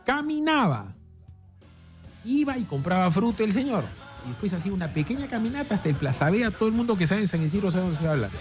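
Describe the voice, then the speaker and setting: A Peruvian man, an interview guest, telling stories in an emphatic, animated way about politics. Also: high voice, rapid-fire, soft background music. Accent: Peruvian Spanish. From Peru. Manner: emphatic, storytelling.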